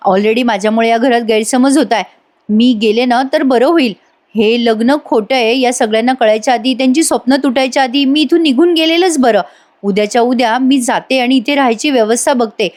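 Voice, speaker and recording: A woman's voice: on the high side, brisk, a little mellow, close to an everyday voice. A woman voicing an anxious young bride thinking aloud about leaving.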